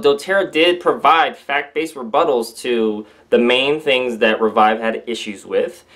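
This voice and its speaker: Brief: young male vlogger, casual commentary, excitable, exclaims and trips over words. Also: mid-range voice. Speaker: vlogger reading and commenting on a letter.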